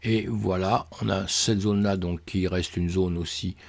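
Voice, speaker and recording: A man with a deep, gravelly voice talks viewers through market charts in a loose, chatty way. He thinks out loud, fills gaps with small asides and hesitations, and calls his listeners friends. His voice sounds worn and on the edge of cracking. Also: steady tone, unhurried. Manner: tosses in "hein" and "mes amis", thinks aloud with many fillers. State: voice cracking, coughing. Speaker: crypto trading channel host. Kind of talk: casual chart analysis walkthrough.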